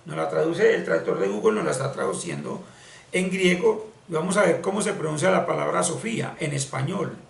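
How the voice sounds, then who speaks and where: Guy w a real gravelly voice teaching slow n deliberate, lively up-and-down pitch, echoey room, mic kinda far off. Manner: slow, deliberate, repeats words for emphasis. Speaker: spiritual teacher. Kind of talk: explanatory screen-share lesson. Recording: echoey room, distant mic, faint hiss.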